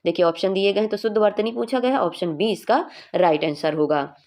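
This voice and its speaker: A woman's voice: mid-range voice, expressive, fairly quick, a little mellow. A young woman teaching a Hindi exam revision class, explaining each answer patiently and often checking in with her students.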